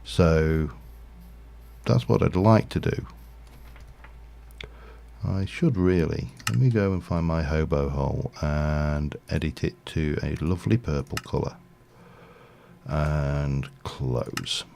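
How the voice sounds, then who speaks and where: Low gravelly man streaming. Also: slow pace, pauses often, warm tone, slight background noise. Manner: rambling, thinking aloud with frequent fillers. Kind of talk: casual Minecraft livestream commentary.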